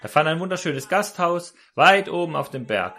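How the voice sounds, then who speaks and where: A man's voice: on the high side, animated, moderate pace, a bit bright. A man preaching a sermon, telling a story and speaking directly to his listeners.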